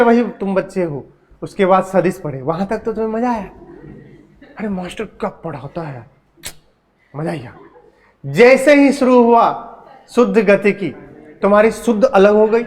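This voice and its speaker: A man teaching a physics class, who teases his students and keeps asking them questions. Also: high voice. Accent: Hindi. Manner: teasing, asks the class questions. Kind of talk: classroom lecture.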